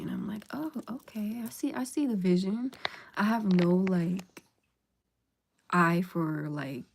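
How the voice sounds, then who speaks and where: This livestream host chats in a laid-back, rambling way, often sinking into a half-whisper. Her voice sits on the low side, creaky and slightly rough with a darkish tone.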